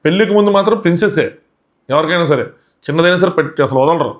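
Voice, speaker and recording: Speaking rapidly in a slightly high voice, a man casually breaks down events on a reality show, repeatedly asking indignant rhetorical questions.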